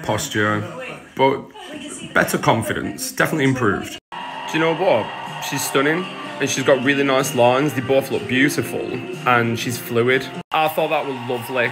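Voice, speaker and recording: A man, reacting at home to a dance show with quick, gushing, slangy verdicts. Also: medium pitch. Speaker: vlogger reviewing a dance show. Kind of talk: casual live reaction commentary. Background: TV show music playing.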